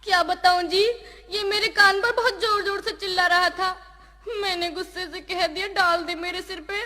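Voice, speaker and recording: A woman voicing the master's shrill, complaining wife. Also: fairly even intonation, moderate pace, pushed and bright, in a large hall. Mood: explaining.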